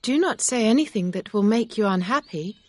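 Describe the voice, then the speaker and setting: A woman reading aloud, voicing an earnest young gentlewoman who speaks with emotion. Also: mid-range voice, normal speed, dry recording, voice pushed up, close to an everyday voice.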